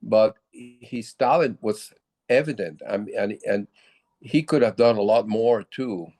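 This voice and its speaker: An older Puerto Rican man with a low, mellow voice tells stories as a musician guest in a casual interview, often stopping and restarting haltingly. The recording is dry.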